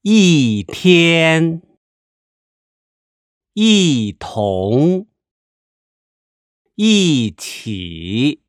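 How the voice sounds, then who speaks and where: Drill voice: extremely slow, careful syllables, lively pitch, dry recording. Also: smooth, no room sound. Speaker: language teacher. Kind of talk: pronunciation drill.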